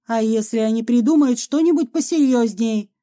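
A woman voicing a polite, calm male ghost doctor who speaks in a courteous, measured way. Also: on the high side, natural voice.

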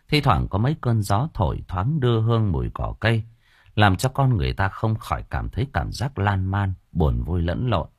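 Deep-voiced, expressive male storyteller. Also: husky, no echo, studio quality. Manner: colloquial, expressive reading with coarse asides. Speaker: audiobook narrator. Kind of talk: storytelling narration of a novel.

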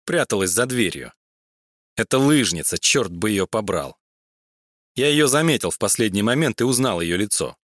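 Guy reading an angry private eye, lively pitch, dry close mic. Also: moderate pace, no echo. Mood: agitated. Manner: exasperated, pleading. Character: indignant male private detective, middle-aged.

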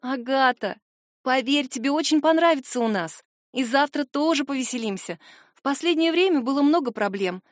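A woman reading the lines of a gentle, hopeful young female mage who is a friend. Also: high voice, expressive, normal speed, dry recording, clean studio sound, pitched above the performer's own voice. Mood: gentle, cheerful.

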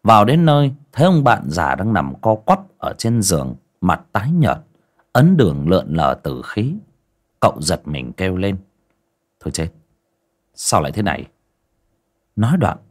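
A man narrating a village ghost story in a lively, theatrical way. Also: sits low.

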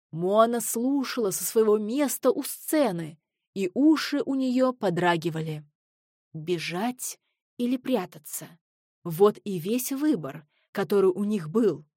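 A woman narrating a storybook in a calm, unhurried voice. She reads slowly and evenly. The recording is dry and close. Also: medium pitch, dry recording. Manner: calm, slow, even reading. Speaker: audiobook narrator.

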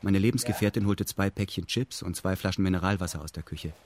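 In a radio drama, a male actor plays a detached narrator who recounts events in meticulous, matter-of-fact detail. His low, slightly mellow voice moves at a quick pace and sounds close to everyday speech.

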